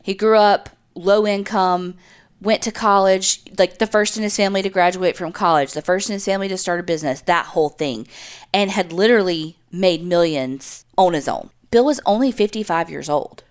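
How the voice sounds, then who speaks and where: A woman's voice: on the low side, normal speed, clean tone. A woman hosting a podcast, telling a true-crime story in a casual, conversational way. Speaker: podcast host.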